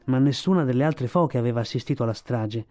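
A man's voice: medium pitch, quick pace, a little mellow, soft background music. Man reading a storybook aloud. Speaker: reader. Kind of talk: radio audiobook reading.

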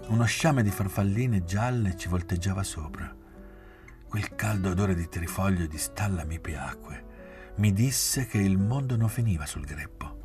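A man reading a novel aloud in a measured, restrained way, often sinking to a near-whisper. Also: low voice, a little mellow, faint music behind. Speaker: audiobook reader. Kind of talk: literary audiobook narration.

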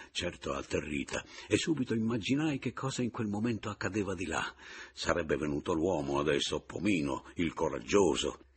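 Gravelly, husky low male narrator. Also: fairly bright tone. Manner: dramatic, deliberate reading. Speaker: audiobook reader. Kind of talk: literary narration.

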